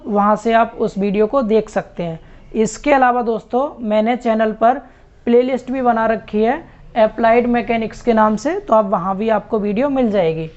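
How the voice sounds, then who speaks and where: A man's voice: extremely high pitch, a little mellow. A man teaching an online lecture, explaining step by step and repeating key terms. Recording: muffled lo-fi recording.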